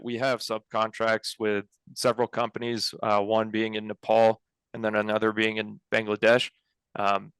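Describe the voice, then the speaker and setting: A man's voice: fairly low pitch, clear, resonant tone, no room sound, rough recording. A young man from Colorado, an engineering firm co-founder, answering interview questions casually over a headset on a video call, with lots of fillers and restarts. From Colorado, USA. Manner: relaxed, many fillers and restarts. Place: home office, indoors. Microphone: headset mic on video call.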